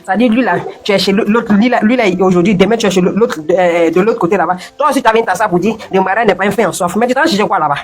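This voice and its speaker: A woman's voice: mid-range voice, fast talker, few pauses, faint music behind. A woman speaking on a live stream, emphatically lecturing in repeated phrases. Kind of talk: lively live stream chat.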